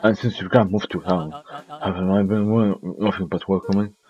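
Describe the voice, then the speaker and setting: A man's voice: low-pitched, fairly even intonation, brisk, darkish tone, lightly acted. A man voicing a grown male captive who coaxes kids into freeing him, read over a dull mic with faint music behind. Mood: coaxing. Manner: coaxing, reassuring.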